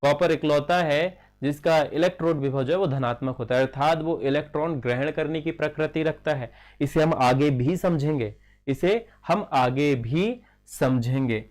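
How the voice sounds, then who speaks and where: A man's voice: a little high, steady tone, darkish tone. A man teaching a chemistry class, who asks questions and answers them himself, repeats key terms and slips in English phrases. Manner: dictates slowly while writing. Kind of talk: classroom lecture.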